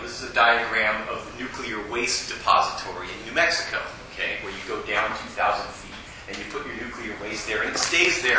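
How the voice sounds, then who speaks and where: Fast-talking man lecturing in an echoey hall. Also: mid-range voice, pushed and bright, a little hiss or hum. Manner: fast-talking, casual and joking. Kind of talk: classroom lecture. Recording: echoey hall, distant mic.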